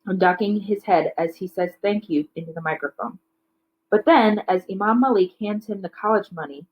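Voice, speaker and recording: In a lo-fi recording, a woman with a mid-range voice narrates a children's novel the way a teacher would read to a class. She occasionally trips over a word and then fixes it.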